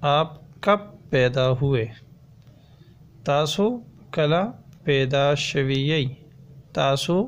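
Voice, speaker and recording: Male language teacher, very slow, repeats each phrase, slightly high voice, voice-over lesson. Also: clear, resonant tone, muffled recording. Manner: drills words slowly, repeating each phrase several times. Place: voice-over on a slide video.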